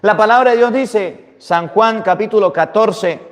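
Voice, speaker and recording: A man preaching a sermon as a priest, emphatic and swinging between loud and hushed delivery. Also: high-pitched, measured pace, long reverb tail. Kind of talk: sermon with readers' greetings.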